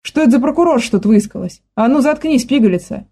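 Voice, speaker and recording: A woman voicing a spiteful old grandmother who barks and scolds in a hoarse, smoky voice. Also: fairly high pitch, moderate pace, dark tone. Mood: shrill scolding. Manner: barking, scolding.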